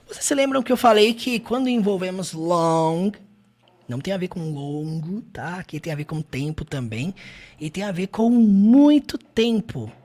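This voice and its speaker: Brief: Brazilian English teacher, swoops up and down, drawn-out model phrases. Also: mid-range voice. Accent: Brazilian Portuguese. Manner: animated, repeats phrases slowly, many tag questions. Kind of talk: language lesson explaining film clips.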